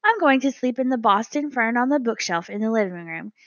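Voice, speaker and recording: A woman's voice: fairly high pitch, lively intonation, brisk, a bit bright, dry recording, highs cut off. A woman voicing a tiny, polite female songbird with a sore throat, prim and gracious.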